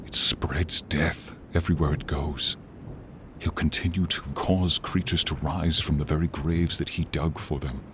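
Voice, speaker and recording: In a fantasy ASMR roleplay, a man gives a dramatic monologue to the listener as a noble, friendly male dragon, earnest, brave and a loyal companion. His deep voice is steady in tone, and his storytelling is solemn, grandiose and deliberate, with a grave, uneasy mood. Rain, thunder and a rumbling storm sound clearly behind him.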